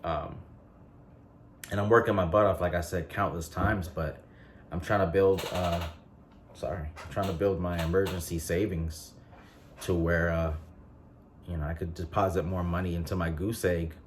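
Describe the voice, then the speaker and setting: A man's voice: low-pitched, moderate pace, long pauses, noisy background. A man in his late twenties chatting casually in a vlog, rambling with lots of ums and restarts. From North Carolina. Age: 20s. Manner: relaxed rambling with frequent fillers and restarts. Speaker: vlogger.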